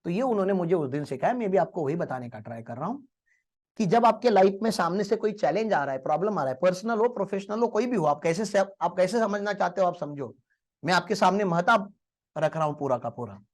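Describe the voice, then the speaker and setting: A man's voice: sits high, lively intonation, fairly quick. A male teacher giving a motivational lecture in a classroom, telling stories and asking the class rhetorical questions.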